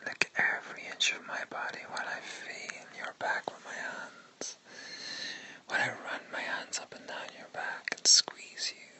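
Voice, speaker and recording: Slow whispering man, breathy and intimate. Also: poor audio. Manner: slow, sensual, murmuring to a listener. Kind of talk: whispered intimate ASMR roleplay.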